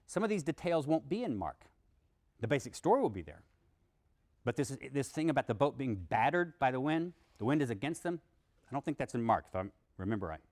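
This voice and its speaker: A man lecturing to students, animated, reading passages aloud with emphasis and adding wry asides. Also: mid-range voice, fairly quick. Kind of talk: university lecture.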